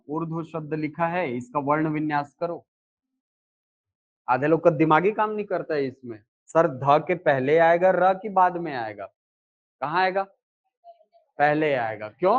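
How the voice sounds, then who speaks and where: A man teaching a live class at a very slow, deliberate pace, throwing out questions and answering them himself. His voice sits a little high for a man. The recording sounds dull and lo-fi. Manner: explains slowly, asks and answers his own questions.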